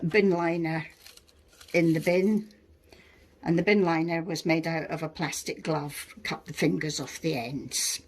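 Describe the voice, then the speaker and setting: Scottish woman calmly showing her dollhouse. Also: deep voice, measured pace. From Scotland. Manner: patient, explains details step by step. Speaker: dollhouse owner showing her miniature house. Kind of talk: casual show-and-tell chat.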